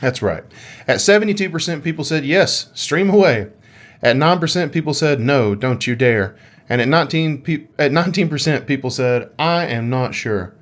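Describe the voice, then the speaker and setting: A male co-host on a gaming podcast chats in a relaxed, joking way, his voice on the high side, expressive, and at normal speed. Anything he reads aloud gets a touch of playful theatrics.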